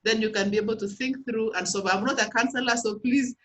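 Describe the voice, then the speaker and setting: A woman's voice: a little high, steady tone, brisk, poor audio. A woman moderating a webinar Q and A, reading out questions and encouraging the speakers. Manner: warm, encouraging, reads out questions. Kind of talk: hosting a Q and A session.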